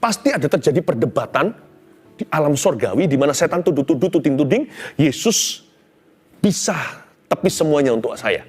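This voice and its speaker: A middle-aged male pastor preaches with a lively, wide-ranging voice, leaping from sharp exclamations down to near-whispers. He tells his story in vivid bursts and drops English phrases into his talk. Soft music plays faintly behind him. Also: on the high side. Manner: swings between loud exclamations and hushed tones. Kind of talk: sermon.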